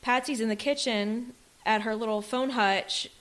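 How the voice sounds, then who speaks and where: A woman's voice: on the high side, fairly even intonation, normal speed, fairly bright tone. A woman co-hosting a true crime podcast, laying out a case in an emphatic, argumentative way. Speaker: podcast co-host.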